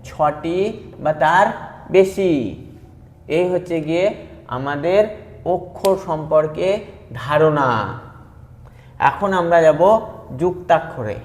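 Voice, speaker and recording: Slow patient man teaching in an echoey room. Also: on the high side, a little mellow. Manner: patient, spells words out sound by sound and repeats. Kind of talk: slow step-by-step grammar lesson. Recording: echoey room with long reverb.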